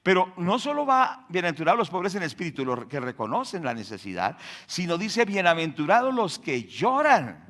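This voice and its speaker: Pastor preaching, kinda high voice, sharp and bright, asks the crowd questions, gets loud then goes quiet. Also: male voice, sing-song, moderate pace, hardly any pauses. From Colombia. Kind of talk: sermon. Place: church.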